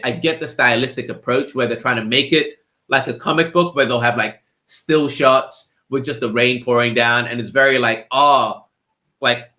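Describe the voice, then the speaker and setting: A man co-hosting a podcast in casual, energetic chat, full of slang and quick laughs. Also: medium pitch. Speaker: podcast co-host.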